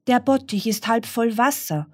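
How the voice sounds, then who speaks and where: A grumpy male pig who grunts and complains, as a woman reading a picture book plays him. His voice is pitched well above the reader's own and stays grumbling. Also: lively intonation, moderate pace.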